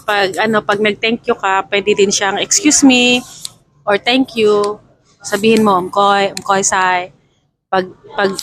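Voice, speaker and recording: Filipina woman, casual vlog teacher, chatty, mid-pitched voice. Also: fairly bright tone, a little hiss or hum, low-quality recording. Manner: chatty, laughs at her own confusion, mimics market vendors' calls. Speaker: vlogger explaining travel phrases. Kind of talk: casual explanatory chat.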